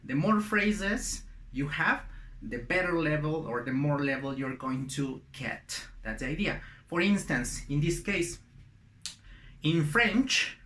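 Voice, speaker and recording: A man's voice: fairly high pitch, lively intonation, takes it slowly, a bit bright, slight background noise. Man teaching in an echoey room. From Latin America. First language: Spanish. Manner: encouraging, repeats words and phrases for practice. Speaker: language teacher. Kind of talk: casual spoken lesson. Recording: roomy echo.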